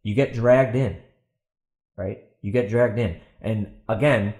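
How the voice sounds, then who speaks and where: Taking his time, this solo podcast host speaks in a low, slightly mellow voice with fairly even intonation while he rants bluntly, combatively and with exasperation, repeating himself. Part of his commentary is read out from a post, and the sound is echoey and roomy.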